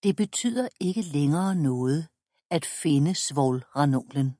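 A woman reading a children's book aloud, calm and measured, announcing page numbers. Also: deep voice, no echo, clean studio sound. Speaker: audiobook reader.

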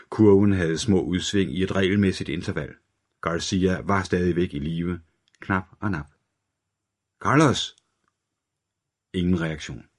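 A man reading a crime thriller audiobook aloud in a steady, dark storytelling manner. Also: deep voice. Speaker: audiobook narrator. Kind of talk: scripted thriller narration.

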